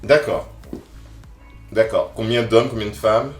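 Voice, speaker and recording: A man's voice: fairly low pitch, a little slow, reverberant, faint music behind. A male co-host chatting playfully and teasing his guest. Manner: playful, teasing, bursts into song. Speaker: podcast co-host. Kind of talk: casual interview chat.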